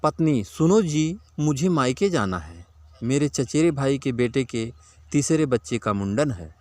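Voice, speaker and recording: A man voicing a sharp-tongued village wife who nags her husband. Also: mid-range voice, animated, unhurried, dry recording, natural voice. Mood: nagging. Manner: scolding, matter-of-fact.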